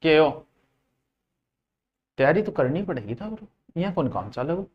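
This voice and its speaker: High-voiced teacher drilling words. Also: male voice, very animated, moderate pace, dull audio. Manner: drills words by repeating them, playful scolding asides. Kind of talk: classroom grammar lesson.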